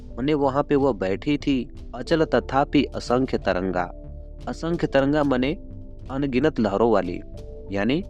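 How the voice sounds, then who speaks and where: A man teaching a class, explaining a poem line by line and going over each phrase again in simple words. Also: medium pitch. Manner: explains slowly, repeating phrases with yaani and matlab. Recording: dull lo-fi sound with soft background music.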